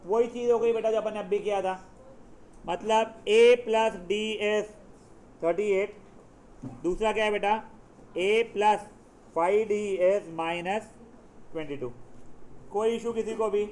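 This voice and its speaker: Speaking slowly with long pauses, a man with a high, fairly even and slightly mellow voice leads a math lesson, with a little hiss or hum on the echoey classroom recording. Between explaining steps he calls out to students, scolds them and jokes.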